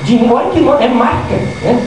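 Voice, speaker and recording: Echoey high-voiced young Rio man, sh-like s. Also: a little fast. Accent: Brazilian, Rio de Janeiro area. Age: young adult. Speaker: stand-up comedian. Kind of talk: stand-up comedy with casual, slangy delivery. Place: small restaurant room with seated audience, indoors. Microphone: handheld mic through a speaker, filmed from audience. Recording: echoey room PA, distant noisy phone recording.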